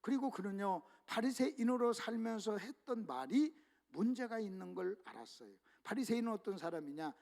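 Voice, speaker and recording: A man with a strikingly high voice delivers a sermon as pastor. He keeps asking rhetorical questions and turning to the congregation, rising into loud emphasis and then dropping down low and quiet. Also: very animated, normal speed, vocal fry. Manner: preaches with rhetorical questions, often addressing the congregation directly; swings between loud emphatic passages and low, quiet ones.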